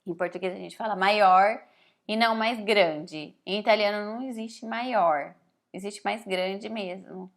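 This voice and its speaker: A woman from Brazil teaching Italian in a relaxed spoken lesson, explaining slowly, reading phrases aloud and often adding "né?". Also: mid-range voice. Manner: frequent "né?" tag questions.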